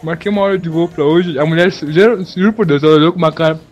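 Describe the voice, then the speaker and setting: São dude rattling off a story fast, kinda high voice, slangy and animated. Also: male voice, muffled recording. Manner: lively, slangy, laughs through his stories. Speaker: podcast guest, student pilot. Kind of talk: casual chat, storytelling.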